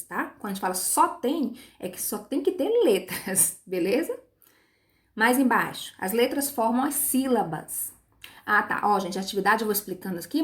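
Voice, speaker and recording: A woman teacher giving a recorded online lesson to young pupils, patient, spelling words out slowly and checking in with short tag questions. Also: fairly high pitch. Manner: patient, stretches words syllable by syllable.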